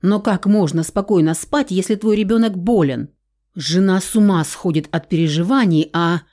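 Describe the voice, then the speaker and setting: Audiobook: outspoken, indignant young woman, read by a woman in a low mellow voice. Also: normal speed, natural voice. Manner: indignant, sharp outbursts.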